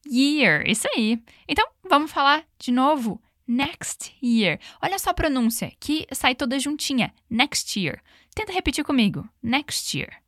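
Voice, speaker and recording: A woman's voice: sits high, animated, fairly bright tone, dry recording, clean studio sound. Patient woman teaching English drills. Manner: patient, slows down on English phrases. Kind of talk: language lesson with repeat-after-me drills.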